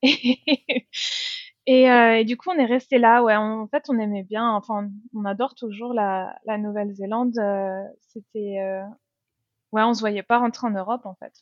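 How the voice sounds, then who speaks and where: A woman's voice: on the high side, steady tone, moderate pace, dry recording, lo-fi sound. A young French woman being interviewed, chatting casually with frequent laughs and hesitant fillers. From France. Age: young adult. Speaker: interview guest.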